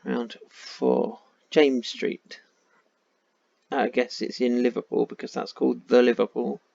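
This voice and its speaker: Tired, gravelly man muttering over a game. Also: medium pitch, flat delivery, unhurried, darkish tone, no room sound. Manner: muttering, thinking aloud while searching a map. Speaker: game streamer. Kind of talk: casual gameplay commentary. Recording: dull lo-fi sound.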